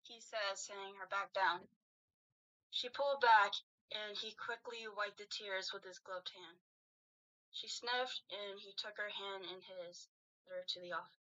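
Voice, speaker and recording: Bright-voiced woman reading a fan story. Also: medium pitch, fairly even intonation, a little slow. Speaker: host. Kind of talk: reading fanfiction aloud. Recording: dull lo-fi recording.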